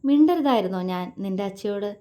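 A woman's voice: medium pitch, animated, fast, warm tone, natural voice. A woman voicing a young husband in a romance story, playful and affectionate as he teases his wife. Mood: teasing. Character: teasing, tender young husband.

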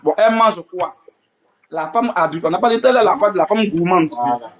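A man's voice: high voice, big pitch swings, fairly quick, muffled recording, a crowd in the background. A man hosts a live religious debate, asking rhetorical questions and repeating "hein". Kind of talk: live stream preaching to followers.

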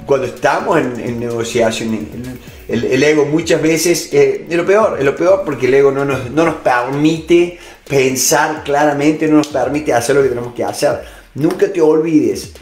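A man's voice: mid-range voice, normal speed, darkish tone, echoey room, faint music behind. A middle-aged man with a Rioplatense Spanish accent, giving a motivational lesson on negotiation and addressing the listener directly with many filler words. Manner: direct second-person address, frequent "este" fillers. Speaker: negotiation instructor. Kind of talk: motivational lecture.

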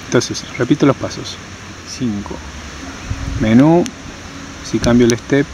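Outdoors on stony ground, a tutorial presenter gives a hands-on lesson step by step, repeating key terms. He speaks slowly in a mid-range voice, with background noise audible.

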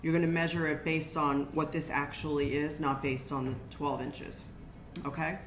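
A woman's voice: deep voice, flat delivery, normal speed, slight background noise. An older woman running a casual hands-on craft demonstration, explaining steps plainly to viewers. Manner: chatty, practical, talks to viewers as "guys". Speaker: shop owner teaching a craft workshop. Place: indoor shop workspace with brick wall. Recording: roomy, faint music behind.

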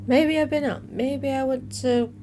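A reaction video host, this young adult woman has a high, mellow voice with fairly even intonation and a measured pace. She reads captions aloud and interjects casually between them. She's indoors in a small room at home, and background noise is noticeable.

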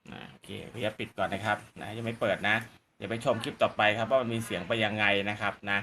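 A man gives a casual, polite gadget demonstration as a channel host. He talks fast in a bright, forward voice and circles back over his explanations, with faint noise behind him. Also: on the low side, steady tone. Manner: polite, repetitive explanatory phrasing.

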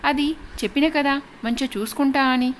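A woman narrator reads a bossy young village man, blunt and dismissive. The voice sits fairly high, and a faint hiss runs under it. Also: normal speed, natural voice.

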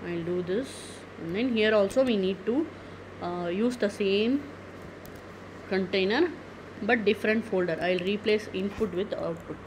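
A woman talks through a software tutorial one step at a time, pausing on "okay" and "uh" as she clicks along. Her voice sits at an ordinary middle pitch. A steady hiss of background noise runs under the recording. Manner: methodical, step-by-step, frequent "okay" and "uh" fillers. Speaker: tech tutorial presenter.

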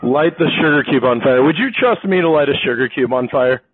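A man's voice: medium pitch, expressive, a little fast, slightly rough, no room sound. A young man hosting a casual interview in a restaurant bar, playful and upbeat with lots of jokes. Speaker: show host. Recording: tinny phone-like sound, faint hiss.

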